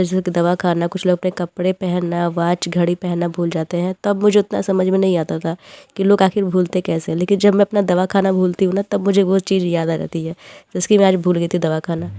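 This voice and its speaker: A woman's voice: fairly low pitch, mellow. A young woman chatting in a casual home vlog, telling stories with giggly asides while doing chores, a little unwell. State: feeling unwell. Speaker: vlogger. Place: home, moving between rooms and rooftop.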